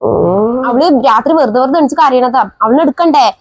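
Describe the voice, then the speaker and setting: A woman's voice: high-pitched, fairly quick, a little mellow, husky, dry recording. A woman playing a tired young mother and daughter-in-law in a comedy family skit. She talks in a coaxing, reasoning way.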